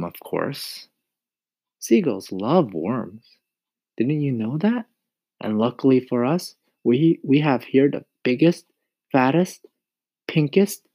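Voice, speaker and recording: A man voicing a calm, resourceful young boy in a storybook reading, earnestly explaining a plan. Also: medium pitch, slow, slightly rough, no echo, pitched above the performer's own voice, exaggerated voice.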